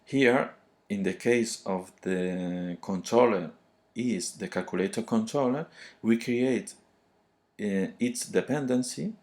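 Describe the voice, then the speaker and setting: Male screencast tutor, slightly deep voice, thick non-native English accent, very slow hesitant delivery. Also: darkish tone. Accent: thick foreign, non-native English. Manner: halting, hesitant, searching for words. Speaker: programming tutorial presenter.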